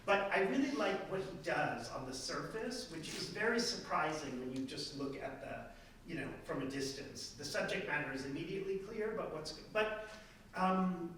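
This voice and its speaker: In an echoey hall, well away from the mic, a male art history professor rambles casually in reply to an audience comment, cutting himself off and starting over. He speaks at a moderate pace with a fairly high, fairly bright, expressive voice, over a little hiss or hum.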